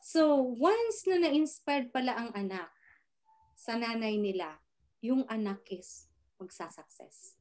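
A woman's voice: a little high, animated, slow pace, a little mellow. A woman, talking emphatically in casual chat and sometimes searching for words. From Philippines.

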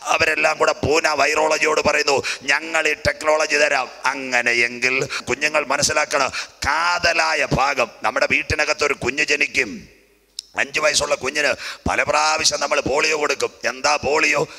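A pastor preaches to a night convention gathering in a chanting, sing-song cadence, his voice piercingly bright and held to a narrow, steady pitch band. He calls for each verse, then repeats and expands on it. The sound rings out with a long hall reverb over faint background music. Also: moderate pace. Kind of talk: sermon.

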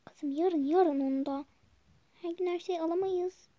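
A woman's voice: extremely high pitch, unhurried, mellow, muffled recording. A girl voicing a caring but strict young mother in a toy role-play with a game, fussing and scolding her daughter. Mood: calm.

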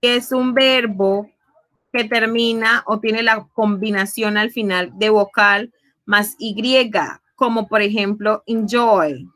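A woman's voice: medium pitch, steady tone, a bit bright, poor audio. A woman teaching English grammar to Spanish speakers, explaining patiently, drawing out example words and checking in with frequent tag questions. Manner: switches between Spanish and English; slow, drawn-out example words.

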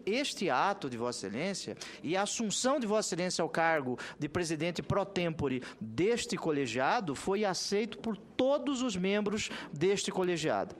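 A middle-aged Brazilian man, a senator making a formal legal argument with pompous, emphatic oratory and repeated phrases. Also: sits high. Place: large Senate committee room, indoors. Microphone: desk gooseneck microphone.

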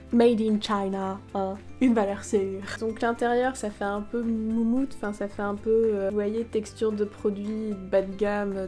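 A woman's voice: medium pitch, mellow. A woman chatting frankly through a casual unboxing review of cheap clothes. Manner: chatty, frank, mocking asides.

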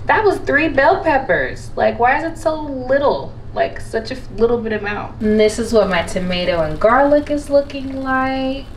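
A woman's voice: high voice, expressive, moderate pace, few pauses, echoey room, a little hiss or hum. A woman talking casually to viewers in a cooking vlog, chatty and friendly, calling them y'all. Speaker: lifestyle vlogger. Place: home kitchen.

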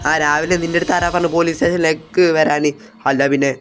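A man role-playing a gangster in a game, talking to his viewers loudly, dramatically and in a panicky, bossy way. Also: fairly high pitch, steady tone, fast talker, a little hiss or hum. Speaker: gameplay streamer.

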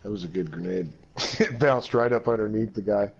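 A man's voice: fairly low pitch, a little fast, vocal fry, a little mellow, muffled recording. A young man chatting while gaming with friends, laid-back, laughing often and swearing casually. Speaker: gamer playing with friends.

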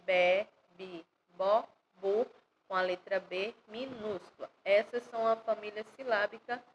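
A woman with a Brazilian Portuguese accent teaching first graders online, sounding out syllables slowly and stressing them loudly. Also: medium pitch, slight background noise, low-quality recording. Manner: slow, stresses syllables loudly when spelling. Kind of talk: online lesson for young children. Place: home or classroom, recorded for an online class.

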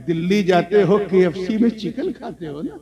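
A male preacher telling a story in an animated sermon, building on repetitive rhetorical chains before a live audience. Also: high voice, dull audio. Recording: crowd laughing in background.

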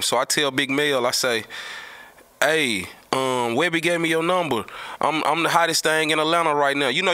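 This man has a bright, forceful voice pitched on the high side and a Southern US accent. Hosting a show about the music business, he tells a story casually, repeats himself, and uses slangy, profane language. He sits at a table in a small indoor studio, recorded close on a boom-arm studio mic.

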